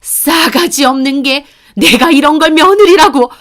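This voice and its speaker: A woman's voice: sits high, a little slow, fairly bright tone, pitched above the performer's own voice. A woman voicing a bossy older mother-in-law who screams and scolds. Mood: screaming scolding.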